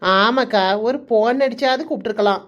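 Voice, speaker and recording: A gossipy young village woman in a cartoon, voiced by a woman, with a Kanyakumari Tamil accent. Her voice sits high, and she talks in a plain, chatty way. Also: fairly quick, lo-fi sound, close to an everyday voice. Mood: gossiping. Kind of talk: cartoon voice acting.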